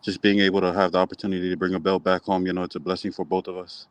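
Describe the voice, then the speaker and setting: Young male athlete in an interview: low, even voice, nonchalant and understated, dry close sound. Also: racing, dry recording. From Hawaii. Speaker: slap fighting athlete being interviewed. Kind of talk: casual interview answers.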